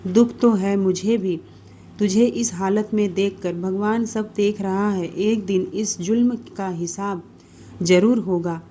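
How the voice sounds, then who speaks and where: A woman voicing a kind, caring young sister-in-law who comforts gently in a cartoon story. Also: medium pitch, slow pace, a little hiss or hum, lightly acted. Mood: comforting.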